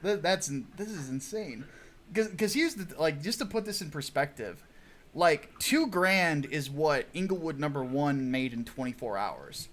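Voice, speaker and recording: A man hosting a casual livestream for his comic launch, excitable, laughing often and swearing freely. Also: on the high side, normal speed. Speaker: comic book writer hosting a launch stream.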